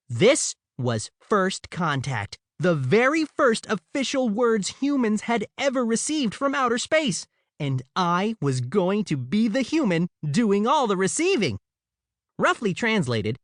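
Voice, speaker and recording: A man's voice: sits high, dry recording, clean studio sound. A man narrating a children's audiobook in the first person, with playful, comic storytelling.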